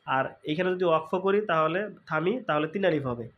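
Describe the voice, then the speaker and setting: A man's voice: a little high, normal speed, muffled recording. A man teaching Quran recitation, patiently repeating each sound for practice. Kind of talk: recitation lesson.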